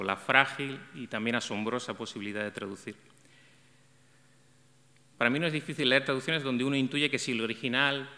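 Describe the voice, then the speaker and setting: A middle-aged man, an event coordinator, reads a prepared essay on translation while seated at a table on an arts center stage, speaking into a table microphone. His mid-range voice is pushed and bright, his delivery measured and reflective with small restarts, and a long hall reverb fills the recording.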